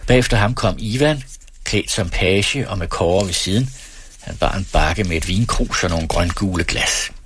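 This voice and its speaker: A man narrating an audiobook in a steady, even storytelling manner, close to the mic. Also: low-pitched, a little hiss or hum.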